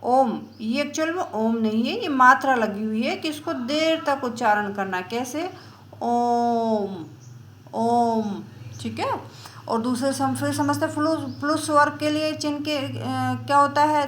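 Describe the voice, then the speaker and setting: A woman teaching a lesson, explaining step by step in a slow, patient way and drawing out example sounds. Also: high-pitched, fairly bright tone, echoey room, slight background noise. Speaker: Sanskrit teacher.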